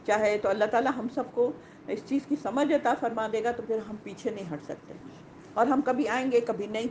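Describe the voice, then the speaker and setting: A woman teaching a Quran lesson to women, animated, asking rhetorical questions and repeating key points. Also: a little high, highs cut off, slight background noise.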